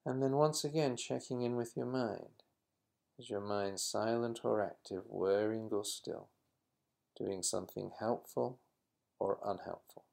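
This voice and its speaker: A man leading a guided mindfulness exercise in a slow, calm, instructive manner. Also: lowish voice, vocal fry. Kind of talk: guided meditation.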